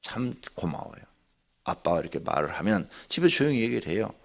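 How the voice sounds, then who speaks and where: An older man, a pastor, preaching a conversational early-morning sermon, jumping between loud exclamations and near-whispers. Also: lowish voice, big pitch swings, fairly quick, creaky. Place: church sanctuary.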